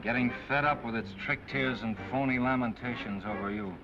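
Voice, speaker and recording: A man's voice: medium pitch, fairly quick, lightly acted. An American actor playing a cynical newspaperman, trading dry, flippant screwball comedy banter in a 1930s film. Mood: sardonic. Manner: dry, sardonic, flippant wordplay. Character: wry, cynical big-city newspaperman. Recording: dull 1930s film soundtrack, music behind.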